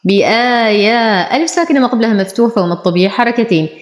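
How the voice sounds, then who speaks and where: A woman teaching Quran recitation rules, explaining each letter and then reciting the words slowly and drawn out. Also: on the high side, expressive, a little mellow, roomy sound. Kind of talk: slow tajweed lesson with drawn-out recitation.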